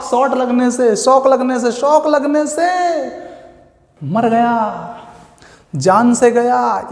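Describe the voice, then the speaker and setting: A man teaching an exam coaching class, playful and drawn-out, repeating key words slowly as memory tricks. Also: very high voice, vocal fry, a little mellow. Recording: echoey long-reverb room.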